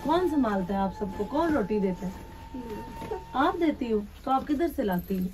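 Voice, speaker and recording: Woman, charity vlogger; gentle, coaxing delivery, a touch high-pitched; music bed behind. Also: animated, normal speed. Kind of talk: emotional charity vlog, talking to camera and to children. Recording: music playing underneath.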